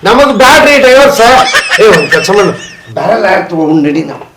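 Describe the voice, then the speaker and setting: A man's voice: sits high, sing-song, fairly quick, roomy sound, very noisy. Man playing a whiny husband, North Karnataka accent. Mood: petulant. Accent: North Karnataka Kannada. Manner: whiny, complaining. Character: melodramatic whining husband, young adult man. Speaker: husband seeking divorce. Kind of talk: comedy sketch acting.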